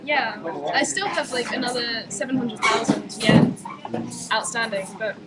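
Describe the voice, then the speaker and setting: A woman's voice: on the high side, measured pace. English woman, very noisy live stream. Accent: English, mild Essex. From Essex, England. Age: young adult. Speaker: live stream host, student. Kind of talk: casual live chat.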